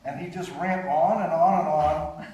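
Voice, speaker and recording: Male lecturer, anecdotal and halting, slightly high voice; distant mic in a reverberant hall with faint hiss. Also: fairly even intonation, dark tone, muffled recording. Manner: anecdotal, chuckles often, halting restarts. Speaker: guest speaker, former radio and TV writer. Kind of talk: storytelling lecture with slides. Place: lodge hall at a live conference.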